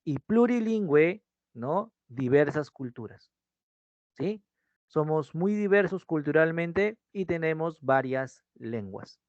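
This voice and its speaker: A man with a slightly high voice teaches an online class. He keeps repeating his points and asks "¿sí?" again and again. The sound is dry and a little dull. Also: animated, slow pace, darkish tone, dry recording. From Peru. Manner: repeats key phrases, checks in with "¿sí?". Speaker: pre-university language teacher.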